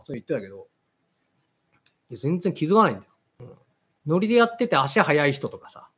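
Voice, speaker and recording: A man in his thirties hosting a football channel, talking casually and reflectively in a mix of plain and polite speech. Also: sits high. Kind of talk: casual commentary talk.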